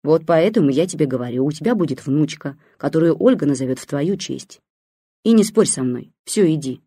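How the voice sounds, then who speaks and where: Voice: medium pitch, animated, brisk, warm tone, husky, dry recording, studio quality. A reader voicing a stern, commanding old woman who is a fortune teller and talks in curt orders. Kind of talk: audiobook character voice.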